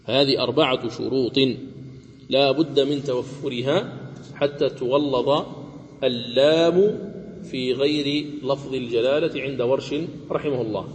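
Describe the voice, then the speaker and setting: A man teaching the rules of Quran recitation, explaining each rule step by step and chanting the example words slowly. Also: medium pitch, big-room sound, slight background noise. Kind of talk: tajweed lesson with chanted examples.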